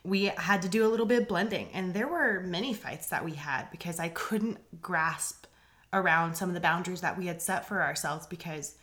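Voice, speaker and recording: A woman's voice: on the low side, moderate pace, fairly bright tone. A woman in her twenties, a podcast guest, talking earnestly and reflectively about her relationship. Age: 20s. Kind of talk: casual interview chat.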